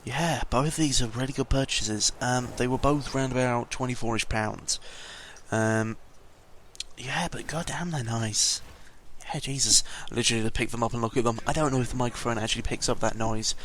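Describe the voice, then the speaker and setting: A steady, brisk, mid-range voice with a bit of brightness comes from a seventeen-year-old British young man vlogging. In his noisy home-microphone audio log he rambles casually and hesitantly, drifts off topic, swears mildly and sounds somewhat under the weather.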